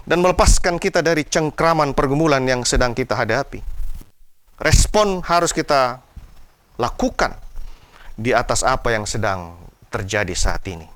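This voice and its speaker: A man's voice: medium pitch, a bit bright. A man preaching a devotional sermon in an earnest way, with an Indonesian accent, raising his voice when he cries out to God. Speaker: pastor.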